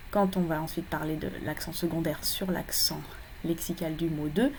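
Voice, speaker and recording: A woman's voice: medium pitch, a little mellow, a little hiss or hum. A woman teaching English phonology in a recorded lecture for exam preparation, explaining step by step with frequent fillers and self-corrections.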